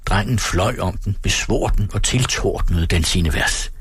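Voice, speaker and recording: A man from Denmark reading a novel aloud on his radio show, calm and measured. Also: deep voice, husky, no echo.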